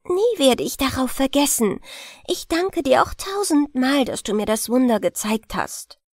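Woman playing a tiny dwarf princess, very high voice, sweet, eager, pleading, storybook. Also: animated, a little slow, dry recording, clean studio sound, heavily acted. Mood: grateful.

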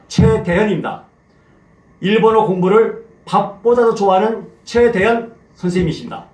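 Animated middle-aged man teaching, roomy sound. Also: high voice. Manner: energetic, repeats phrases, playful. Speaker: Japanese language teacher. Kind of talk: animated classroom lecture with repetition drills. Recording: roomy echo.

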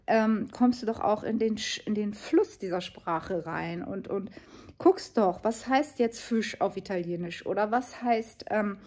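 A woman's voice: medium pitch, unhurried, darkish tone. A woman in her fifties talking casually and earnestly in a travel vlog, with many fillers and restarts. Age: 50s. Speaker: vlogger.

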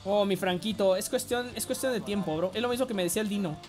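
A man with a Mexican accent giving excitable live gameplay commentary, swearing and often yelling. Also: high-pitched, quick pace, soft background music. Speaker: game streamer.

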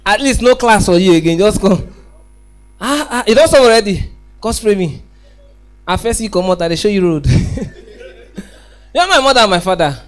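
A young Nigerian man with a Nigerian accent doing stand-up comedy on a theatre stage, teasing the audience loudly through a handheld mic. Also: high voice, expressive, normal speed, long pauses. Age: young adult. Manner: loud, teasing banter with the crowd. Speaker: stand-up comedian hosting his own show. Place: large indoor theatre stage with live band. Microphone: handheld microphone. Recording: live stage with loud crowd and music. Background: music and crowd.

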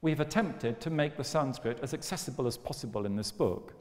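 A man's voice: medium pitch, animated, fairly quick. A man lecturing on philosophy in a wry, storytelling manner. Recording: long hall reverb.

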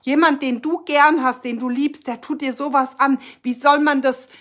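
High-voiced earnest woman talking to viewers. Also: fairly even intonation, moderate pace, a bit bright. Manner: earnest, heartfelt, with frequent fillers and self-corrections. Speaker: speaker sharing her own experience of abusive relationships. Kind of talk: casual live talk addressing viewers.

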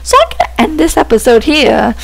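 A woman's voice: sits high, very animated, fairly quick, vocal fry, low-quality recording. A woman hosting a let's play, muttering through gameplay commentary in a flustered, self-deprecating way.

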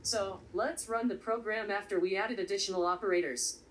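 A woman presenting a step-by-step coding tutorial in a steady, explanatory way. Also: medium pitch, fairly quick. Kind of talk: step-by-step software tutorial narration. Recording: slightly distant voice with faint background noise.

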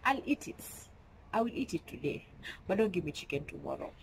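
A woman's voice: on the low side, very animated, brisk, creaky, background noise. A young Kenyan woman with a Kenyan accent, vlogging at home in a chatty, emphatic way and slipping into Swahili slang, her nose stuffy from a cold. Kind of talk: casual chat to camera.

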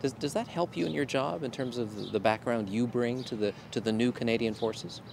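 Brief: middle-aged male reporter, polished interviewer, mid-range voice, outdoor recording with clear background noise. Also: mid-range voice, brisk. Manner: clear, polished, reflective questioning. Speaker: church web reporter and interviewer. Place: outdoors in a garden.

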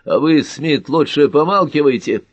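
A man voicing a jealous, hot-tempered young man in an audiobook, accusing and shouting. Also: medium pitch, sing-song, a little slow, breathy edge, dry recording, dull audio, voice pushed up, full character voice. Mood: angry.

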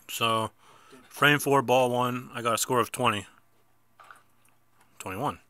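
Male gameplay host, stuffy nose, slow bright-voiced chatter, dry close mic. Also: medium pitch, steady tone, dry recording. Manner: chatty, self-mocking, sudden outbursts at misses. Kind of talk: casual mobile game commentary.

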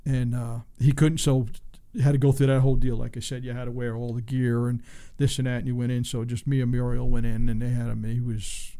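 Gravelly older man telling a long story. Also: medium pitch, little pitch movement, fairly quick, few pauses, warm tone. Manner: rambling, acts out quoted voices. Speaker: guest, former race car driver. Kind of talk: casual storytelling interview.

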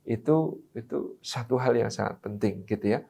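A man giving a relaxed, humorous religious talk about marriage, chatting with his listeners and acting out bits of dialogue. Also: mid-range voice, normal speed, gravelly, slightly rough. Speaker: Islamic preacher. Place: study gathering.

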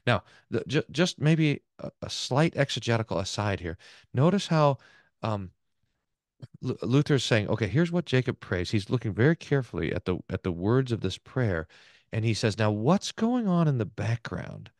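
Middle-aged male pastor, Bible class, lively and thinking aloud, dry close sound. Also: mid-range voice, moderate pace, dry recording. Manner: lively, repeats words and restarts while thinking aloud. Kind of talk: Bible class teaching, reading aloud and explaining.

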